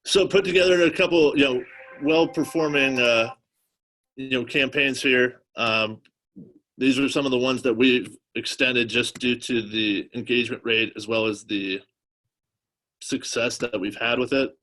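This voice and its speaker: Mid-pitched man presenting informally. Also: steady tone, measured pace, a bit bright, poor audio. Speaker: guest presenter on car dealership marketing.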